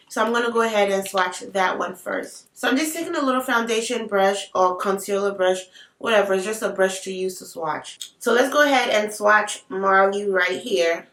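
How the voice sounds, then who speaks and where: A woman's voice: medium pitch, fairly bright tone. A woman with an African accent, chatting casually through a makeup tutorial with playful asides. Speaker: beauty vlogger. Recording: roomy sound, mic at a distance.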